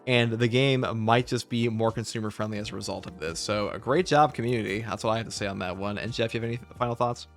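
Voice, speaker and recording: Gravelly and on the low side, this man's voice moves at a quick pace with few pauses. He is a video game channel host offering casual, opinionated gaming commentary in a conversational style, with background music behind him.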